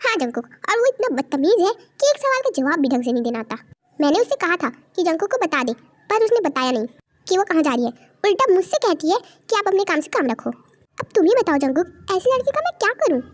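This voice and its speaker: A high young voice playing a scheming, nagging middle-aged stepmother in an amateur fan audio drama, shrill, slow and whining. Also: very animated.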